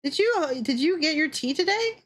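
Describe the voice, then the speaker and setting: This VTuber has a high voice with lively intonation and talks briskly. While drawing on her livestream, she casually teases and giggles with viewers and swears freely.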